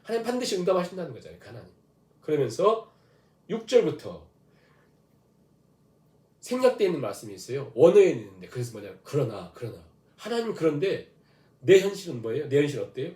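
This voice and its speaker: A man's voice: fairly high pitch, very animated, fairly quick, pauses often, dark tone, echoey room. A man preaching a dawn prayer sermon, asking rhetorical questions and leading the congregation through scripture readings. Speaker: pastor. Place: church sanctuary.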